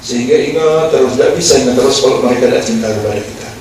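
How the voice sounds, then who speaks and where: A man's voice: mid-range voice, very fast, darkish tone. Guy preaching to a crowd, keeps asking if they get it, super echoey big space, kinda distant and noisy. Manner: exhorting, asks the crowd "paham ya?". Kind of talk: sermon. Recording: very echoey, far from the mic, with noise.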